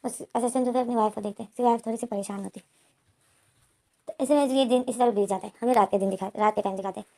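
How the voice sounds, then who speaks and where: A woman's voice: fairly high pitch, steady tone, rapid-fire, dark tone. A woman retelling a fanfiction story in a plain, casual way, with many repeats and restarts. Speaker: fanfiction explainer. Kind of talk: storytelling narration.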